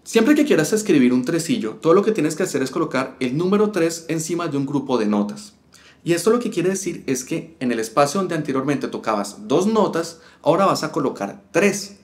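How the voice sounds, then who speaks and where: A man's voice: a little high, sing-song, brisk. A man teaching a step-by-step guitar lesson, explaining rhythm and counting syllables aloud. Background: guitar playing.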